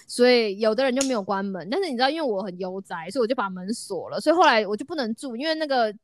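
Fast, lively woman. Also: on the high side, a little hiss or hum. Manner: animated storytelling, drops English words into Mandarin. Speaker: storyteller in a chat. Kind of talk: casual chat.

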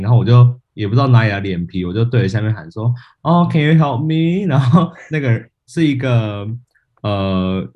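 A man co-hosting a podcast, casually telling a funny story about himself, laughing at his own mishaps and acting out what people said. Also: on the low side. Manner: animated storyteller, laughs at himself, acts out quotes. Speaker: podcast co-host.

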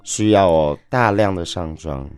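慵懒烟嗓的低音男声. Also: male voice, low-pitched, a little slow, no echo. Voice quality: husky, smoky voice. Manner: languid, lazy delivery. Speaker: guest, drag queen performer. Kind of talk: casual interview answers.

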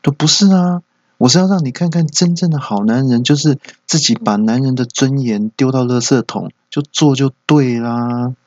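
A man's voice: medium pitch, moderate pace, a little mellow, no echo, muffled recording, voice pushed up, natural voice. A man voicing a meek, henpecked middle-aged father in a comedy bit, wheedling and whiny.

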